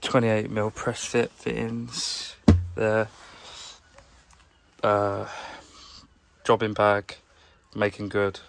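Extremely slow and full of long pauses, a young tradesman's low, gravelly voice drifts through casual vlog narration as he organizes his van. This plumber shoots on a handheld phone, chatty and low-key, in and around the van, with a little hiss or hum.

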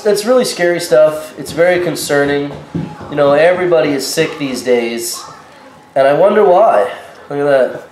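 His voice sits on the high side and sounds a little mellow, though this man in his thirties is indignant and warning as he vlogs casually to the camera. He's stuffed up with a cold, and the camera mic nearby picks up an echoey kitchen with faint noise.

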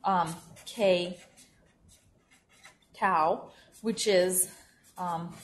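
A female math lecturer speaks very slowly in a low, steady voice while working at a board in a university lecture room. Informal in manner, she checks in with "right?" and fixes her own mistakes as she writes.

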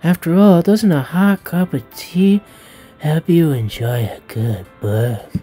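Guy doing a soft polite bookworm girl, gentle and a little higher. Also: slow, slightly rough, soft background music. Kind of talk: reading a visual novel aloud.

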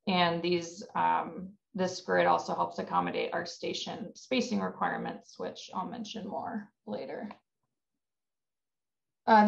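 Gravelly-voiced woman giving a webinar talk. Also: fairly low pitch. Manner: explanatory, with frequent ums and self-corrections. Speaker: researcher presenting at a workshop. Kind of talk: virtual conference presentation. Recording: dull lo-fi webinar audio.

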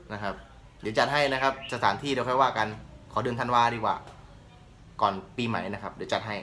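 A young man from Thailand with a slight northern Thai accent, a channel host casually answering viewers' questions in a relaxed, joking way. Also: lowish voice, slight background noise. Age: young adult. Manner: relaxed, joking, laid-back. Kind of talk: casual Q&A chat.

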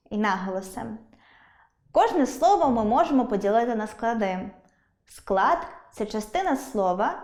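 A woman teacher giving a scripted lesson, explaining clearly and slowing down when she sounds out words. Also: fairly high pitch, a little mellow, roomy sound. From Ukraine.

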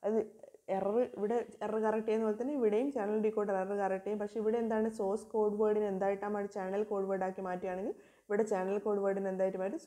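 A woman's voice: mid-range voice, mellow. A woman gives a video lecture, asking her class questions and answering them herself. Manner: reads English definitions slowly. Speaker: teacher.

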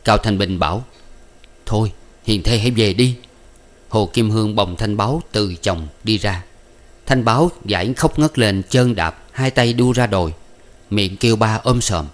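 A man reading an old novel as a measured audiobook narration, adding spoken footnotes. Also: fairly low pitch.

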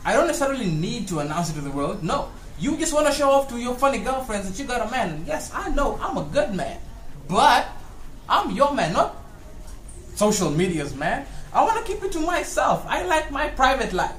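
Male comic skit performer, lively swings in pitch, sweary and argumentative, arguing with himself as two sides. Echoey room. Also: a little fast, slight background noise.

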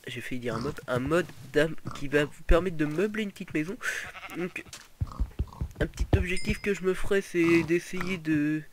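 A man's voice: fairly high pitch, moderate pace, noisy background. A young man giving casual gameplay commentary, rambling with lots of fillers and restarts. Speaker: gaming video host.

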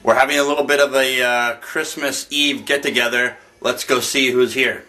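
A man's voice: medium pitch, steady tone, normal speed, bright, forceful tone. A man narrating his own camcorder tour of a holiday get-together in a house, listing what he sees in an upbeat way. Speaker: campaign volunteer filming the party. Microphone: handheld camcorder mic. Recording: party music and chatter behind.

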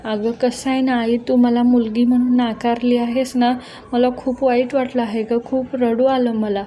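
A woman's voice: a little high, level tone, moderate pace, warm tone, natural voice. A woman voicing a scheming young woman posing as a daughter, pleading sweetly with her mother.

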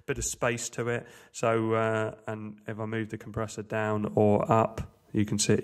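A man hosting a casual gear review at his home desk, rambling with many uhs and restarts, into a USB podcast mic. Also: on the low side. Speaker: tech video host. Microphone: USB podcast microphone.

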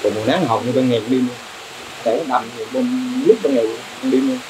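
A middle-aged shrimp farmer with a mid-range voice talks quickly about his methods in an on-site interview in an open farm shed, his manner plain, matter-of-fact and rambling. The outdoor recording is noisy, with crowd noise audible.

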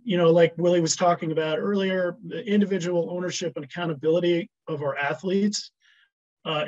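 A man's voice: a little high, lo-fi sound. Man presenting on a video call. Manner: hesitant, many restarts and fillers. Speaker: ski coach presenting program.

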